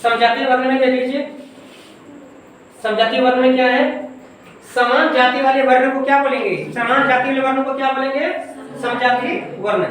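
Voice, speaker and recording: A woman's voice: high voice, steady tone, normal speed, pauses often, slight background noise. A woman teaching a grammar lesson in a coaching class. She asks the class questions and then answers them herself. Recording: echoey room, from far off.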